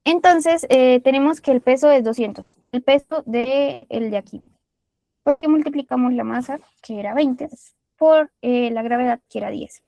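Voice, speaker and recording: A woman's voice: sits high, normal speed, gravelly, dark tone, no room sound. A woman tutor with a Colombian Spanish accent, patiently walking through a physics problem step by step with casual fillers. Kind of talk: explaining a physics problem while drawing.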